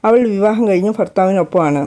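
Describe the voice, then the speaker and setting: A woman reading as a gentle young husband. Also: sits high, fast, natural voice. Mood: tender. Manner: soft, affectionate.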